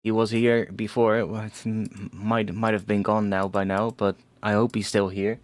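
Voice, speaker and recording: A man's voice: lowish voice, flat delivery, normal speed, no room sound. A young man chatting casually on a livestream, rambling with frequent swearing and laughs as he gives feedback on music tracks. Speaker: music producer streamer giving feedback.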